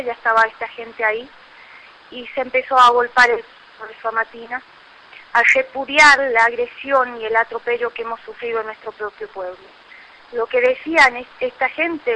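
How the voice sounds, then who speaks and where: A woman's voice: fairly high pitch, sharp tone, lo-fi sound. Indignant Argentine woman on a hissy radio line. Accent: Argentine Spanish. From La Rioja, Argentina. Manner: urgent, indignant testimony with many fillers. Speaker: community activist. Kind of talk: recounting events in a radio interview.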